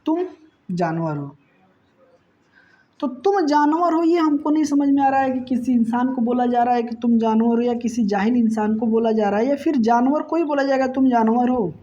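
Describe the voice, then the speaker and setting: A woman's voice: fairly high pitch, steady tone, brisk, hardly any pauses, dark tone. A woman teacher going through exam questions in a chatty, explanatory way, often checking in with "okay". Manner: explains answers conversationally, repeats "ठीक है". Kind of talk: exam-prep lesson. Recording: dull lo-fi sound.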